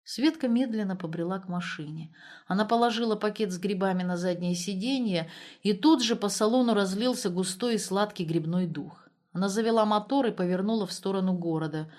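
A woman reading a story aloud. Her narration is calm and even, told at a steady storyteller's pace. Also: mid-range voice, a little fast.

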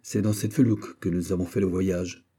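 A man reading a loyal musketeer captain, husky and dark. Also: low voice, steady tone, normal speed. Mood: earnest. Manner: respectful, soldierly, earnest. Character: loyal veteran musketeer captain, bold and courteous. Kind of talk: audiobook character reading.

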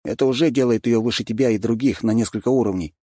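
A man's voice: medium pitch, fast talker, mellow, no echo, studio quality, pitched above the performer's own voice, lightly acted. A man voicing an earnest, loyal young friend in an audiobook. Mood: indignant.

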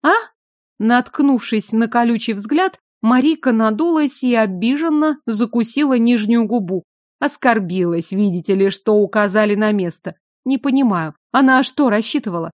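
A woman's voice: fairly high pitch, animated, moderate pace, darkish tone, no room sound, studio quality. A woman narrating a fantasy novel in the first person, with a wry, sardonic inner voice. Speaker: audiobook narrator.

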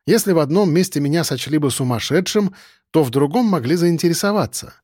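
A man's voice: fairly high pitch, animated, fairly quick, a little mellow, no echo, clean studio sound. A man reading a first-person audiobook in a musing, conversational way. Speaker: narrator. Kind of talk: audiobook narration.

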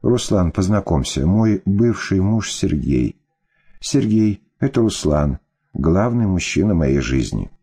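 A man's voice: low voice, big pitch swings, slow pace, mellow, breathy edge, heavily acted. A man voicing a scornful, weary ex-wife. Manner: firm, scornful. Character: weary embittered woman, ex-wife and mother.

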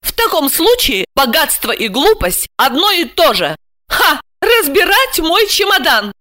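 A woman voicing a hot-tempered, indignant housewife who snaps and shouts. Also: very high voice, very animated, measured pace, voice pushed up, heavily acted. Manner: loud, snapping, exclamatory.

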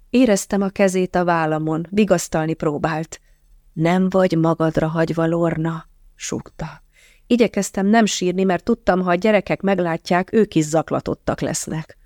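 A woman narrating a first-person memoir audiobook in a calm, measured, softly reflective way. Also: low voice, no room sound, clean studio sound.

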